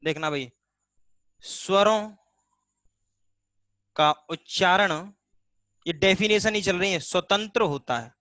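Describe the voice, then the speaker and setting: A man's voice: sits high, slow, long pauses, pushed and bright, dry recording. A man teaching a live online Hindi class, explaining step by step, voicing students' questions himself and stretching vowel sounds to demonstrate them.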